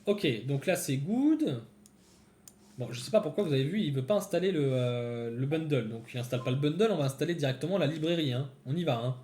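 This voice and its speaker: A man's voice: a little high, animated, a little fast, mellow, echoey room. A man giving casual live-coding commentary to his viewers, thinking aloud as he types. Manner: thinks aloud, chatty, talks to viewers while typing. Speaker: developer streaming a coding session.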